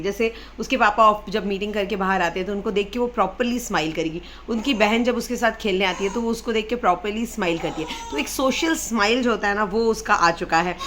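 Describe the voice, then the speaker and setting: Rushing to finish, a parenting vlogger and mother in her thirties chats informally on camera and mixes English phrases into her speech. Her medium-pitched voice sounds pushed and bright, with slight background noise behind it.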